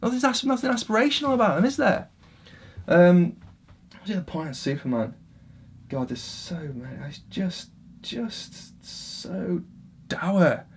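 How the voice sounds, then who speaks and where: Man, vlogger, impassioned rant to camera, slightly high-pitched voice, veers from loud to hushed. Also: moderate pace, long pauses, slight background noise. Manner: passionate, animated, swings between loud and quiet. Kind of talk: casual opinion rant to camera.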